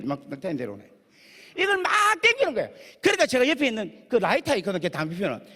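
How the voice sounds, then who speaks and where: Animated pastor in a reverberant hall. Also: male voice, sits high, slightly rough. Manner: lively storyteller who acts out dialogue and sings snatches. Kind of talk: animated sermon storytelling.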